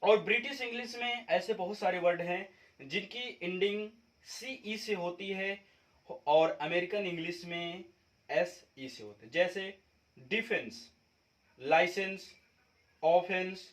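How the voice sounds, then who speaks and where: A man's voice: high-pitched, slow pace, a bit bright, poor audio. A man from India teaching spelling differences, explaining step by step and checking in with his viewers often. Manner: repeats points, checks in with viewers. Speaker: English teacher. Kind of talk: classroom-style explanation.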